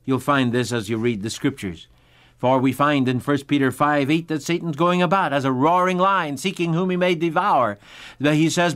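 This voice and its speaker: Male radio Bible teacher, emphatic sermon delivery, quotes scripture often. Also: a bit bright. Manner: emphatic, with sudden pitch rises and slow, drawn-out stresses; reads scripture aloud in old-fashioned wording.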